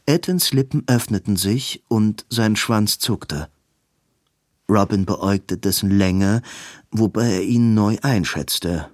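Slow, low-voiced male audiobook narrator. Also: dry recording, clean studio sound. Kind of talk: scripted narration.

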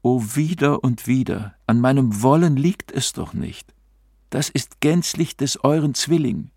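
A man's voice: mid-range voice, measured pace, darkish tone, breathy edge, no echo, clean studio sound, voice pushed up. A man reading a story, voicing a young noblewoman who pleads earnestly with her lover. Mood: pleading. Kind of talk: audiobook character reading.

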